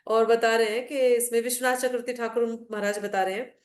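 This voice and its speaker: A woman's voice: fairly high pitch, little pitch movement, brisk, echoey room. A middle-aged woman teaching a devotional class in a casual, conversational way, explaining with anecdotes and asides. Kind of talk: casual Hindi class talk mixing English.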